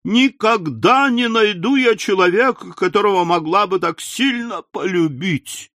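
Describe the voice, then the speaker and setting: A man reading an audiobook, voicing an emotional, easily alarmed middle-aged widow in a high, wailing voice. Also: expressive, fairly quick, fairly bright tone, no echo, clean studio sound.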